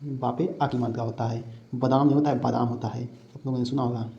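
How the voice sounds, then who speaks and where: A man teaches spelling for exam prep, saying each word over and throwing quick questions back at his students. His voice is very dark and mellow and sits at a middling pitch for a man. The recording sounds dull and lo-fi. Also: steady tone. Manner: repeats words and asks the class rhetorical questions.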